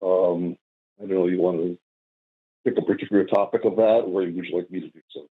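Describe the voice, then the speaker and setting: A man's voice: low-pitched, steady tone, a little fast, slightly rough. An older man calling in to a talk show, hesitant and full of fillers as he explains his view. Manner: hesitant, many fillers and restarts. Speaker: caller. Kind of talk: call-in debate. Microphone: phone call. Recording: tinny phone line.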